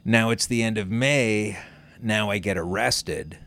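Guy telling a long rambly story, stops and restarts a lot, swears, lowish voice. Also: unhurried, a bit bright. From Canada. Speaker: guest. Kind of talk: casual storytelling.

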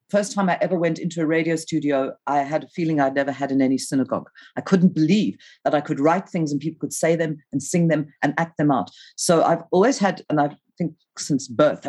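A woman author talking about her novel in an interview and reading from it expressively. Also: low voice. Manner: expressive, restarts often when explaining.

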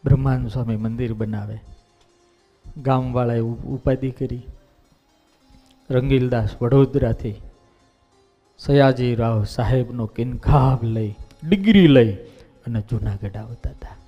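A male monk giving a devotional storytelling sermon, lively and folksy, acting out the characters' voices. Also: mid-range voice, measured pace, long pauses, soft background music. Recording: dull lo-fi recording.

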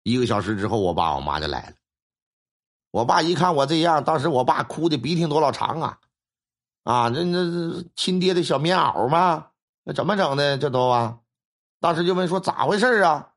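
A man telling a ghost story in an animated, colloquial way full of sound-effect words. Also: on the high side, moderate pace. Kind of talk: spoken ghost story narration.

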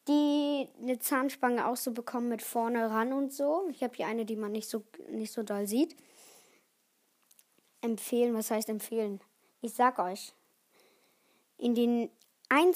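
A woman's voice: a little high, no echo. A teenage girl hosting her own podcast in casual solo chat, rambling and often restarting her sentences. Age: teens. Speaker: podcast host.

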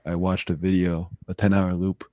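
A young man speaking in a deadpan, dry manner as a guest in casual podcast banter. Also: sits low, a little fast, no echo. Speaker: guest, son of co-host.

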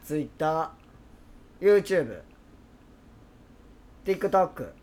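A man's voice: fairly high pitch, animated, very slow, a little mellow. A man with a Kansai accent co-hosting a podcast in casual chat, laughing often and teasing. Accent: Kansai Japanese. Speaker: podcast co-host.

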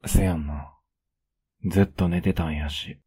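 A young man with a Kansai accent speaks in a whispered role-play, blunt and a little rough-spoken but gentle underneath. His voice is dark and mellow, with a husky, breathy edge. He talks slowly and stays close to the mic. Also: sits low, fairly even intonation. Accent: Kansai Japanese. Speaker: voice actor playing a boyfriend.

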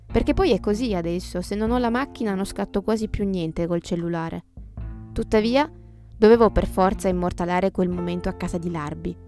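A woman hosting a podcast reads scripted travel narration, telling it in a reflective, descriptive way with guitar music behind her. Her mid-range voice is dark in tone and a little fast.

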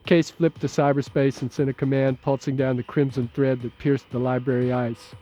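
Mellow-voiced male audiobook narrator. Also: medium pitch, little pitch movement, normal speed, soft background music. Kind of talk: scripted narration.

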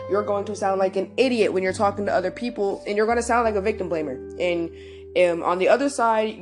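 Young woman ranting through a story to her listeners, lively, blunt, swears a lot, regular pitch. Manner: animated, emphatic, addresses listeners directly, swears. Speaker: host. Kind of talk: casual storytelling monologue.

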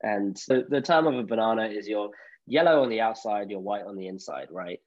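A man's voice: on the low side, fairly quick, a little mellow. A young man hosting a podcast, chatting casually with lots of fillers. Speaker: podcast host. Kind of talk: casual interview chat. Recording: slightly dull lo-fi audio.

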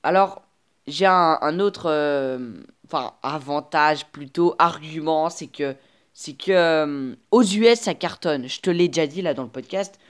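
A woman's voice: low-pitched, measured pace. A woman hosts a casual solo podcast, speaking directly to her listener with chatty encouragement. Her talk stops and restarts, full of filler sounds. She records on a simple earphone microphone. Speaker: podcast host. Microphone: earphone headset mic.

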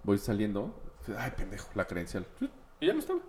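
A man's voice: on the low side, wildly swooping pitch, brisk, darkish tone. A Mexican man telling friends, with slang, how his wallet was stolen. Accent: Mexican Spanish. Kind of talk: casual chat among friends.

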